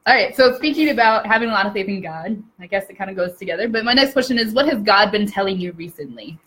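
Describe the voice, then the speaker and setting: A woman's voice: mid-range voice, animated, quick pace, fairly bright tone, poor audio. A woman interviewing a colleague in a casual, encouraging way. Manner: friendly, encouraging questions.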